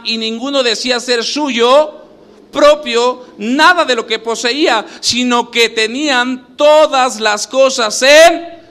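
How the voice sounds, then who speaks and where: A male pastor preaching a sermon, animated, acting out little scenes as he goes. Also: very high-pitched. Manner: animated preaching, acts out scenes with shifting voices.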